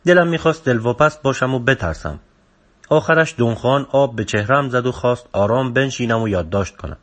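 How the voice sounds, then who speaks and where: Man, audiobook narration, steady, subdued, mid-range pitch. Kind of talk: reading a book aloud.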